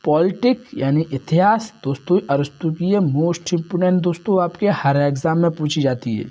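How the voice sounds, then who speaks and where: A man's voice: on the high side, moderate pace, dark tone, highs cut off. A man giving an exam-prep lesson as a tutor, repeating each answer and often calling the listeners friends.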